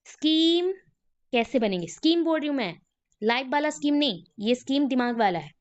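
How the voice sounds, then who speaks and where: Woman teacher, high voice, lecturing a class, dull lo-fi recording, repeats names to drill them. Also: expressive, normal speed.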